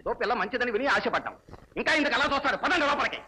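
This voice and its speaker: A man's voice: very high-pitched, animated, rapid-fire, sharp tone, slightly rough, full character voice, poor audio. An actor playing a fussy village man who reads out a wedding invitation and takes offence. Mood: indignant. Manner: fussy, indignant. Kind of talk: 1980s film dialogue.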